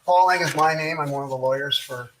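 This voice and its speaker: A man working as a defense lawyer, heard in a courtroom recording, cross-examining a witness in a measured, methodical way with frequent pauses. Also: a little high, a loud crowd, low-quality recording. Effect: courtroom recording played into the show.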